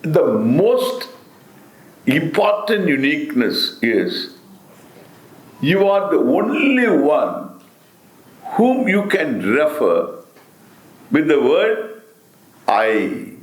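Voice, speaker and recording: Slow Indian man teaching, swooping pitch. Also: big pitch swings. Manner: deliberate, emphatic, with repetition and rhetorical questions. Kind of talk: spiritual discourse. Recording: roomy, echoing sound.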